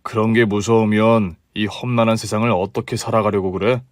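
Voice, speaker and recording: A man voicing a calm, firm young husband in a dramatized story, pitched lower than his own voice. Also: brisk, no echo, studio quality, close to an everyday voice.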